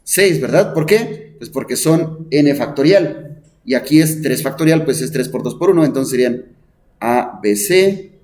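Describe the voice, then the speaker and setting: A man lecturing a class on math, thinking aloud at the board, often asking the students and pausing on "este". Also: medium pitch, expressive, darkish tone. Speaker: math teacher.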